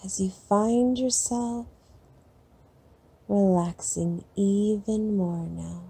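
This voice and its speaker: Sleep meditation guide: woman, very slow and breathy, soft and soothing. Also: mid-range voice, steady tone.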